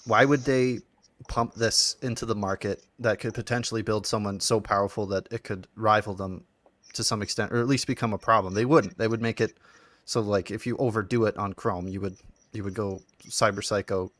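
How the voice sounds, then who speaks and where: A man's voice: lowish voice, steady tone, a little fast, fairly bright tone, no room sound. A man in a casual chat, speculating in long run-on thoughts.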